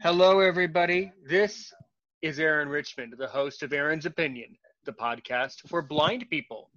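A man's voice: a little high, a bit bright, no room sound. A man hosting a podcast, introducing his guest in a chatty, loose way, stumbling over words at times. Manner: chatty, loose, repeats himself while searching for words. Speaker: podcast host. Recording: dull, lo-fi, dry sound.

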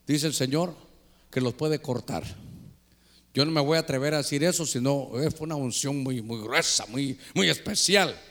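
An older man preaching a sermon as pastor, telling stories and calling the listeners brother. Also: a little high.

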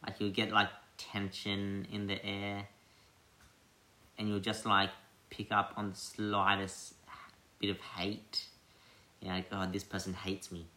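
A man's voice: on the low side, completely flat delivery, takes it slowly, pauses often, pushed and bright. A young man hosting a casual chat podcast, rambling with many fillers and frequent laughs. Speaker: podcast host. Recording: echoey room.

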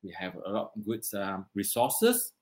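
A man with a Malaysian accent co-hosts a casual discussion, speaking earnestly in short, halting, plain phrases. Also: fairly low pitch, wildly swooping pitch, darkish tone. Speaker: talk show co-host.

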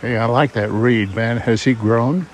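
A man's voice: medium pitch, measured pace, slight background noise. A man from Southern Illinois with a drawl of that region, casually interviewing campers at a campground and asking joking questions. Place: campground outdoors.

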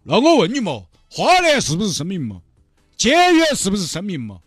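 A man's voice: high-pitched, wildly swooping pitch, brisk, no echo, clean studio sound, faint music behind, pitched above the performer's own voice, heavily acted. A man doing a blunt grumpy fish seller. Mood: dismissive. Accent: Sichuanese. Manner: gruff, dismissive, haggling.

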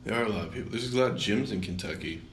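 A man's voice: on the low side, rapid-fire. A man co-hosting a podcast, joking and needling in casual banter. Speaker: podcast co-host. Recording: echoey, noisy room recording.

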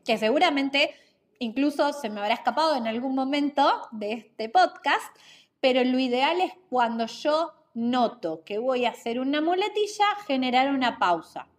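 Speaking in a high, animated voice, a woman hosts an instructional podcast about communication skills. She explains in a clear, measured, teacherly style and uses rhetorical questions.

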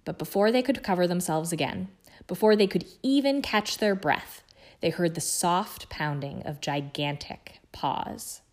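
A woman reading a book chapter aloud in a hushed, suspenseful way. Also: lowish voice, expressive, unhurried. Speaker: guest reader.

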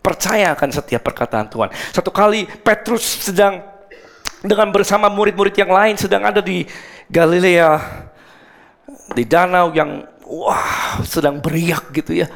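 A man preaching a sermon as a pastor, animated, acting out the scripture quotes and slipping in English words. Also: high-pitched, a little slow, gravelly.

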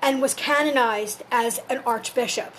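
A woman with a slightly high voice explains old customs in an informal storytelling way. She lays things out step by step, as a folklore teacher would. There is some background noise on the recording. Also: moderate pace, a bit bright, low-quality recording. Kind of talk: informal explanatory talk on folklore and church history.

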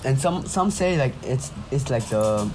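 A man's voice: mid-range voice, expressive, unhurried, rough recording. A young man from Indonesia chatting and telling stories casually in slangy frat-bro talk full of bro and dude. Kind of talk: casual chat and storytelling. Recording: music playing behind the voice.

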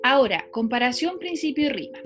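A woman teacher lays out a concept patiently, step by step. Her voice sits high. She stops to ask her student questions. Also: very animated, brisk, music in the background. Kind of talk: lecture on phonology.

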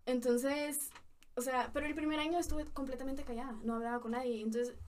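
A young woman from Brazil with a Brazilian Portuguese accent, chatting softly and giggling as a podcast guest. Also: high-pitched, fairly even intonation, brisk, recorded from a distance, slight background noise. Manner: soft-spoken, giggly, fillers like "o sea". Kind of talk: casual chat.

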